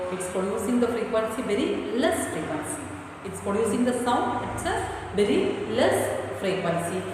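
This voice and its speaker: Slow-speaking woman teacher in an echoey hall. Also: mid-range voice. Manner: slow and deliberate, asks questions and answers them herself. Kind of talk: classroom lecture. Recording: echoey hall, distant mic, faint noise.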